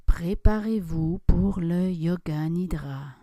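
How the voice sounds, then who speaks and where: A yoga nidra guide leads a deep relaxation session, her voice mellow and soothing. She speaks very slowly and softly, with long silences between her calm instructions. The recording is dry and close, with no room reflections and no room sound.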